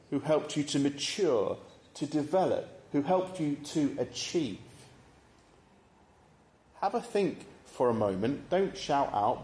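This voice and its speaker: A man delivers a sermon at an unhurried, deliberate pace. His middle-pitched voice rings out through a reverberant church, relaxed and conversational, as he invites his listeners to reflect. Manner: measured, conversational, posing reflective questions. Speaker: preacher. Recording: echoey church room.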